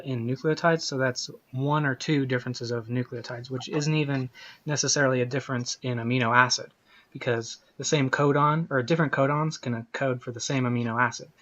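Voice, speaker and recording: A man's voice: mid-range voice, steady tone, fairly quick, a bit bright. A man in a debate explaining technical points step by step. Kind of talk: debate Q&A answer. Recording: dull lo-fi sound.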